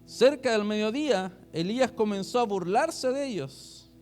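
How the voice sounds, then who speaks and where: A man's voice: high voice, moderate pace, soft background music. A man preaching an online sermon, reading scripture aloud and explaining it in chatty asides. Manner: animated, loudly quoting then chatty asides. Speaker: pastor. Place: church online service.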